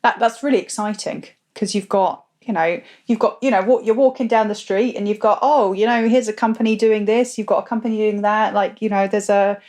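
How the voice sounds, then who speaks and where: A woman's voice: mid-range voice, steady tone, fairly quick, hardly any pauses, a little mellow. A woman co-hosting a podcast, chatting casually with lots of fillers and easy laughs. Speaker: podcast co-host. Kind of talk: casual chat.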